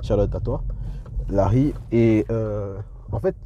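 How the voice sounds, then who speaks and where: A man's voice: on the low side, slow pace. A man talking casually to viewers as an entrepreneurship vlogger, his voice slightly muffled through a face mask, with hesitant delivery. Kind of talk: casual vlog talk to viewers. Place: on the move, leaving a garage. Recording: muffled lo-fi audio, clear vehicle and ambient noise.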